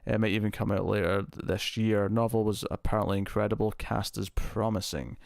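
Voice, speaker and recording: A man hosting a casual live stream, chatting to viewers and thinking aloud, his voice heavily compressed to an even level on a close mic. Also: on the low side, a little fast, creaky, no room sound.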